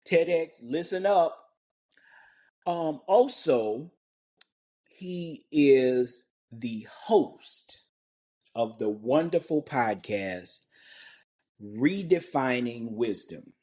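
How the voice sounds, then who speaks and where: Man, podcast host, unhurried delivery, mellow tone, enthusiastic interviewer. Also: medium pitch, animated. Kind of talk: enthusiastic interview intro and questions.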